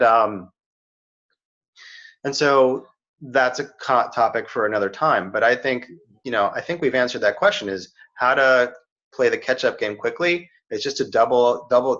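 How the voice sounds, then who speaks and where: Slightly muffled, dull audio captures a middle-aged career coach giving earnest advice in a relaxed chat, repeatedly checking in with "right?" and "you know". He has a mid-range, fairly bright voice.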